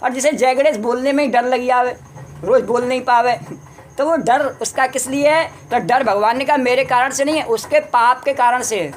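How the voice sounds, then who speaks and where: A woman preaches in a devotional style, asking her listeners questions and moving into sung bhajans. Her voice sits fairly high. Faint noise and crickets are heard behind her. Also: moderate pace. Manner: rhetorical questions to the listeners, breaking into song. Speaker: religious preacher.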